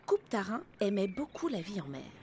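A woman narrating a children's storybook in an expressive, lively manner. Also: mid-range voice, a little fast, husky.

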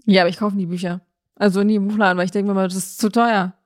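This woman talks very fast in a mid-range, level voice while chatting as a podcast co-host. She rambles through anecdotes in a colloquial way, slipping in quoted snippets of dialogue.

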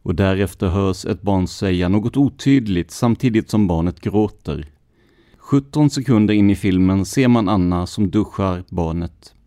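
A man hosting a true crime podcast, reading police records in a measured, scripted narration. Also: on the low side, dark tone, no room sound, clean studio sound. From Sweden.

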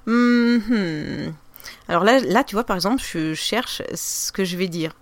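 A woman's voice: lowish voice, expressive, normal speed. Chatty French woman podcaster. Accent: regional French accent. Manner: loose and chatty, many fillers and restarts, laughs easily. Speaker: podcaster, interview guest. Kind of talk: casual interview chat.

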